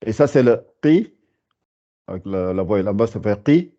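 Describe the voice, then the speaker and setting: A man's voice: fairly low pitch, animated, moderate pace, warm tone. A man teaching a beginners' Arabic class, patiently repeating sounds and words, with frequent fillers and restarts. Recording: dull lo-fi sound.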